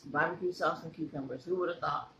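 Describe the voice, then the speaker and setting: A woman's voice: low-pitched, steady tone, sharp tone, highs cut off, slight background noise. An older woman chatting casually to her viewers while eating, talking through a mouthful of food as she chews. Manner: slow, chatty, laughing, addresses viewers as y'all. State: mouth full, chewing. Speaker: mukbang vlogger.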